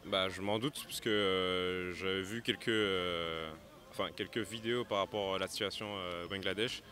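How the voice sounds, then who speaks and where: A man's voice: low-pitched, fairly even intonation, moderate pace, pushed and bright. A young man stopped on a city square, answering hesitantly into a handheld mic. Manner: hesitant, full of fillers. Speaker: passerby. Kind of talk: street interview. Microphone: handheld mic held by interviewer.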